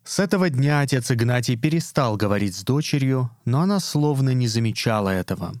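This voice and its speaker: A man giving a measured, solemn literary narration of a short story. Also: mid-range voice, animated, a little mellow, no room sound, studio quality. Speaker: reader.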